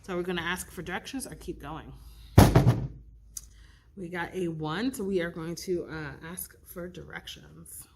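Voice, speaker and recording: A woman's voice: lowish voice, measured pace, creaky, background noise. Woman reading a storybook aloud. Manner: expressive, with slips and restarts, rolling dice for choices. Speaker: youth librarian reading aloud.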